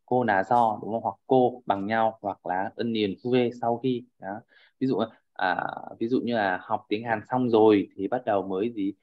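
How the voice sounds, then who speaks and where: A man's voice: lowish voice, steady tone, normal speed, dull audio. A man teaching a class over a video call, often checking in with his students and repeating fillers as he explains. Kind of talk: online class lecture.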